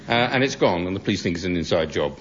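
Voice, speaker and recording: Low-voiced guy telling a funny story on a panel show, muffled sound. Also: animated, fast, very noisy. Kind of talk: anecdote telling. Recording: dull broadcast audio.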